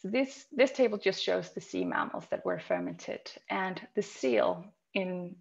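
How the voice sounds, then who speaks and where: Gravelly woman giving an online talk. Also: lowish voice. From Greenland. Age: 30s. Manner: measured, explanatory, occasional ums. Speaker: microbiology researcher presenting. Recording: lo-fi video call audio.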